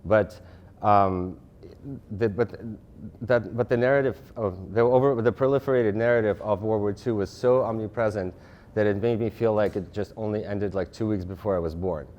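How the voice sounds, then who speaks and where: A man in his thirties from Russia giving a lecture presentation, talking fast, with frequent restarts and fillers. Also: lowish voice, highs cut off. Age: 30s. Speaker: guest speaker.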